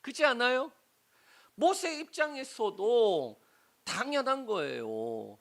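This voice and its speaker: A middle-aged male pastor preaching a sermon, animated and often prompting the congregation with rhetorical questions. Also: extremely high pitch, takes it slowly.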